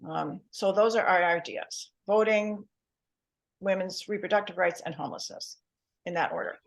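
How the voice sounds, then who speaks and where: A woman's voice: on the low side, moderate pace, vocal fry. A woman reporting her group's topics at a member meeting, hesitant with many fillers.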